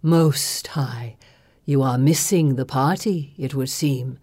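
A woman voicing an ancient, sorrowful serpent-haired female creature, the last of her kind, telling her story slowly and gravely. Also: rumbling low, warm tone, dry recording, voice pushed down, full character voice. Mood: wry. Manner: slow, grave, weary storytelling.

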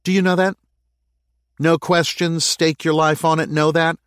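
A woman's voice: deep voice, flat delivery, a little slow, no room sound, pitched above the performer's own voice. A man voicing a harried, stubborn woman mayor who speaks in insistent, clipped bursts, in a dry recording.

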